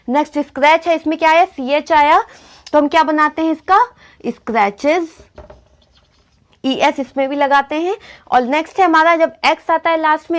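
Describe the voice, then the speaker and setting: A young woman teaching spelling rules in a lesson, often asking a question and then answering it herself. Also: high voice. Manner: asks and answers her own questions. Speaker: English teacher. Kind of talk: classroom-style spelling lesson.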